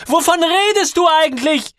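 Man putting on a shrill furious noseless woman. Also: fairly even intonation, moderate pace, no room sound, clean studio sound. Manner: shrill, stretched-out shouting. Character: distraught grown woman with no nose, shouting. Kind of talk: audiobook reading.

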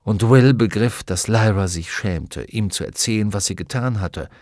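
A man narrating a novel in a measured, expressive storytelling manner. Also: fairly low pitch, no echo, studio quality. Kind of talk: audiobook narration.

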